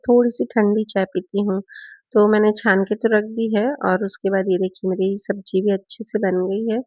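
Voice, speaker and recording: A hoarse woman from Rajasthan, India, chatting in a casual voice-over as a home cooking vlogger and explaining each step. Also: medium pitch, darkish tone, no room sound.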